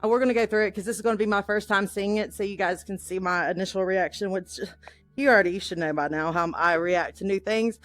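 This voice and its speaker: A woman streaming a live first-reaction vlog from a VR app, talking to her viewers and gushing with excitement. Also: mid-range voice, fast talker. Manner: excitable, gushing exclamations, calls viewers y'all. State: shaky and overwhelmed with excitement. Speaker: VR vlogger.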